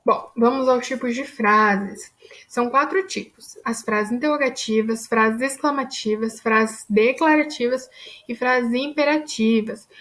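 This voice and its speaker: A woman's voice: a little high, a bit bright. Woman teaching a grammar lesson. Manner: explanatory, checks in with frequent "tá?" and "ok?".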